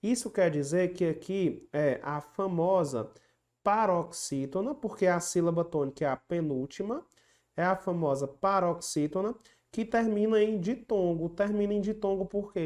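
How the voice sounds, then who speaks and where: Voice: mid-range voice, moderate pace, a little mellow. An exam-prep teacher giving an online lesson, patiently explaining each point, repeating the key rules and chanting little rhyming memory tricks.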